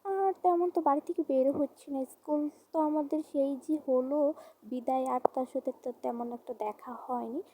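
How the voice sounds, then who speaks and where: A woman's voice: high voice, normal speed, warm tone, slight background noise, lightly acted. A woman playing a brash, reassuring young woman in an amateur horror audio drama. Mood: casual. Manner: brash, teasing.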